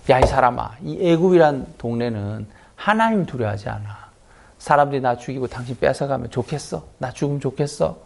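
한 남자가 불안해하며 아내에게 속삭여 당부하는 족장 남편을 연기한다. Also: male voice, medium pitch, expressive, fairly quick, gravelly. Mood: anxious hushed. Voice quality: hushed, conspiratorial whispering. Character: anxious scheming patriarch husband, middle-aged.

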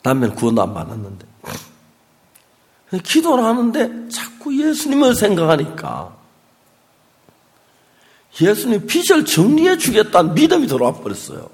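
A male pastor with a preaching a sermon, telling a testimony story in an animated way and acting out voices. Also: sits high, normal speed, long pauses.

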